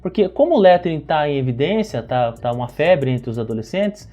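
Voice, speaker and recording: A man's voice: on the high side, big pitch swings, a little fast, warm tone, faint music behind. A Brazilian man with a Brazilian Portuguese accent, teaching lettering and explaining while he demonstrates, often checking in with the listener.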